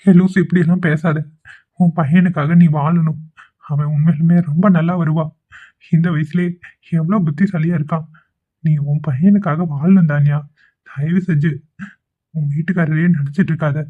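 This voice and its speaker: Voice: medium pitch, steady tone, normal speed, long pauses, natural voice. Someone voicing a caring male friend, tinny. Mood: concerned. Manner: concerned, earnest, gently persuasive. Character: caring adult male old school friend. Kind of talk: amateur cartoon voice acting. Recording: tinny phone-like recording.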